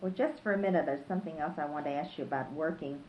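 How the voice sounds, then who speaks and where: A woman's voice: low voice, fast talker. A woman conducting a conversational oral history interview, probing and restating answers to confirm them. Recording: dull, lo-fi tape with faint noise.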